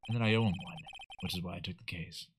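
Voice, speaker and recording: A man voicing a nervous young male rookie lawyer, reading narration in a low, hushed, quick way. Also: fairly even intonation, noisy background.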